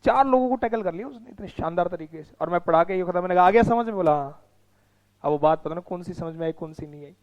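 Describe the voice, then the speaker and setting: A man's voice: sits high, fast talker, hardly any pauses. A man teaching a class, mixing the lesson with teasing and scolding of his students. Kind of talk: classroom lecture with banter.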